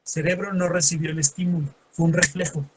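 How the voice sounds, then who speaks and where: A man's voice: on the high side, little pitch movement, a little fast, background noise. A man teaching a lesson, acting out everyday scenes in quoted voices and adding sarcastic asides. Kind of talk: classroom lecture.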